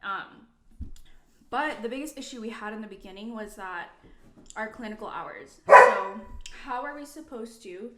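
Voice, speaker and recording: Speaking at a measured pace, this twenty-something student vlogger has a mid-range voice that sounds pushed and bright. Her casual, rambling chat to camera is full of "like," recorded in an echoey room with a little hiss or hum.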